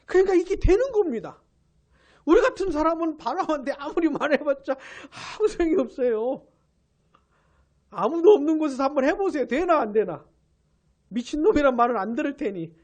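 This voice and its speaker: A woman pastor preaching a New Year's Eve sermon. She tells the story with animation, asks the congregation questions and answers them, and drops to a hush for emphasis. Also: high-pitched, animated, a little fast. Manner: drops to a hush for emphasis, then rises again.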